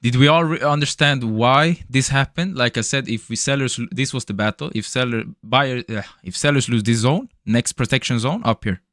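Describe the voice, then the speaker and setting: A young livestreaming futures trader with a mid-range voice talks at a normal pace with few pauses, his tone fairly bright. Born to Serbian parents but raised elsewhere in Europe, he's loose and chatty as he comments on his trades, swearing, laughing and calling his viewers bro. The recording is dry and studio quality.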